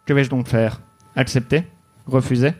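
A man telling a deadpan, mock-noir detective story live on a comedy club stage. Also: medium pitch, moderate pace, faint music behind. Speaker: comedy podcast host.

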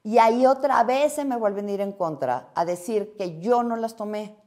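A woman telling a story in an interview, lively and acting out the dialogue. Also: medium pitch, normal speed. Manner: lively, acts out quoted dialogue.

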